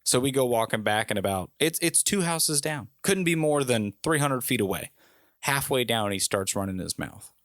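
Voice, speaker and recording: A man's voice: mid-range voice, normal speed, no echo, studio quality. A man co-hosting a podcast, telling a story in casual chat and acting out the people in it with a raised voice. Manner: animated storyteller, raising his voice when quoting people. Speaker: podcast co-host.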